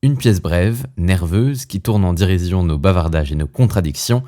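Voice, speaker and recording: A man hosting a podcast, calmly presenting a scripted introduction. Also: deep voice, normal speed. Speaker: podcast host.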